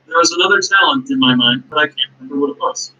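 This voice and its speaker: A young man being interviewed in casual chat, listing his hobbies with frequent fillers and pauses. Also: fairly high pitch, sharp tone. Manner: hesitant, lists his talents with fillers. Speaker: guest. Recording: dull lo-fi audio.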